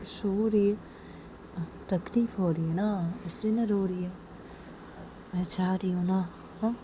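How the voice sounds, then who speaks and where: A woman's voice: medium pitch, unhurried, dark tone, slight background noise, close to an everyday voice. A woman voicing an anxious young woman who keeps coaxing her crying partner with repeated questions. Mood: worried murmur.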